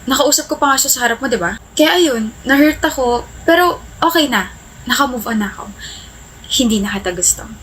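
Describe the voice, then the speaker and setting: A woman acting out a persistent, lovesick college girl with a Filipino accent. She chatters on and slips English into her Tagalog. Her voice sits a touch high, with faint noise in the background. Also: expressive, fairly quick, a bit bright, rough recording. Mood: hurt. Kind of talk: short skit acting.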